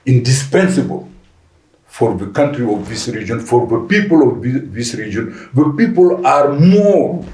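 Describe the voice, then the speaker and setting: Deliberate man, roomy echo. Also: mid-range voice, big pitch swings, dark tone. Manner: deliberate with frequent restarts and fillers. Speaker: panel guest. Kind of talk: podcast panel discussion. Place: conference venue.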